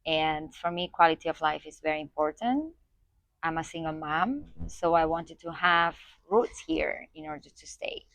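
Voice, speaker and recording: A woman's voice: sits low, lively intonation, normal speed, fairly bright tone, no echo. A woman from Spain, a guest in an interview, talking about her work with many fillers and restarts. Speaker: guest, community organizer. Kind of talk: conversational interview.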